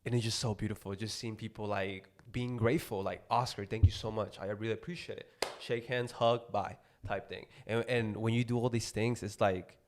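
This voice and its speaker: Give me a profane, excitable young man from Mexico. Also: lowish voice, moderate pace. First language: Spanish. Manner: profane, excitable, loud bursts when mimicking anger. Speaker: podcast guest. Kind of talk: casual chat.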